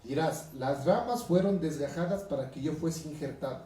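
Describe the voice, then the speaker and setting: A male pastor from Ecuador with a highland Ecuadorian accent, preaching a conversational sermon, reading scripture aloud and often asking his listeners questions. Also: normal speed, warm tone. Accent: Ecuadorian highland Spanish. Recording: echoey room from a distance, music behind.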